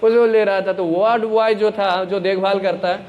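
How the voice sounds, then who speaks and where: High-voiced man telling a lively sermon. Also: normal speed, highs cut off, a little hiss or hum. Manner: animated, asks audience questions, acts out story characters. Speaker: preacher. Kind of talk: sermon with storytelling.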